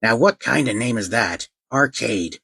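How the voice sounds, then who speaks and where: A man's voice: mid-range voice, lively intonation, measured pace, creaky, fairly bright tone, slightly rough, dry recording, studio quality, full character voice. A man voicing an unimpressed, mocking male toy horse in an audiobook, with a sarcastic tone. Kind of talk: audiobook character voice.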